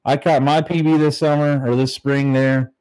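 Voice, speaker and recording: A man hosts a livestream in a relaxed, rambling, buddy-to-buddy way, tossing in slangy asides. His pitch sits in the middle for a man. He speaks casually from a small home room. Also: normal speed, smooth, no echo, poor audio. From southern Ohio, United States. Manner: laid-back, rambling, peppered with "man" and "dude". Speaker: fishing livestream host. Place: very small, bare-walled home room used as a studio, slightly echoey.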